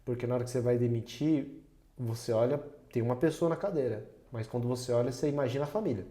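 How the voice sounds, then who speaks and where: A man chats on a podcast in a reflective, storytelling way, often breaking into laughter at himself. His voice sounds mellow and dark. The room adds a noticeable echo around him. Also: medium pitch, quick pace. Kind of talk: casual podcast conversation. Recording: roomy echo.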